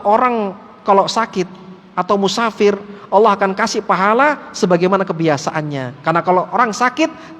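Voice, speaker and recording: A male Islamic teacher giving a lively study-circle sermon in a mosque, joking with the listeners and calling them Pak and antum. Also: high-pitched. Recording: echoey hall with faint background noise.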